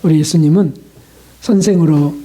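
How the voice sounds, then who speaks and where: Male pastor, warm dark voice, chatty sermon delivery that slips into acted prayers. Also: fairly high pitch, normal speed, breathy edge. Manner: conversational preaching with rhetorical questions; acts out short prayers and dialogues.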